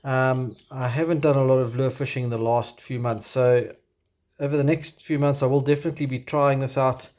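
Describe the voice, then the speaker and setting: A South African man with a broad accent talks through his kit in a medium-pitched voice. He speaks off the cuff as an angler would on a casual vlog, feeling his way through sentences with halting phrasing. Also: steady tone, a little mellow. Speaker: kayak angler presenting his gear. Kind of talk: casual unscripted show-and-tell.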